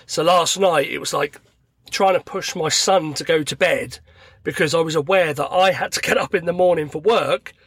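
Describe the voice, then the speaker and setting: Croaky tired middle-aged bloke. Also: male voice, a little high, normal speed, fairly bright tone, no room sound. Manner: rambling, chatty, acts out everyday dialogue. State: croaky, recovering from illness. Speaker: podcast host. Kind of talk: casual solo podcast monologue. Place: parked car at a motorway services.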